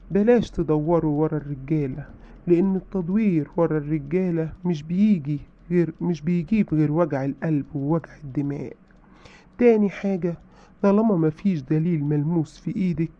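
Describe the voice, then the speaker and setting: A man with an Egyptian accent giving blunt relationship advice in a lecturing, preachy way. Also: on the high side. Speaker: advice giver. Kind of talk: direct advice monologue. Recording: dull lo-fi sound.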